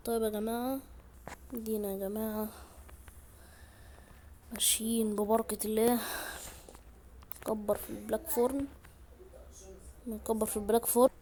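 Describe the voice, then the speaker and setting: A woman with an Egyptian accent giving excitable, chatty gameplay commentary to her viewers from a room at home. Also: fairly high pitch, moderate pace, long pauses. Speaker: gaming YouTuber.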